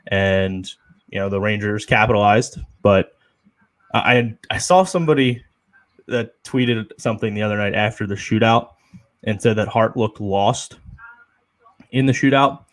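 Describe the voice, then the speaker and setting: Young male co-host, lowish voice, rambling opinionated hockey chat, filler-heavy. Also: measured pace, long pauses. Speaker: podcast co-host. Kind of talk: casual sports chat.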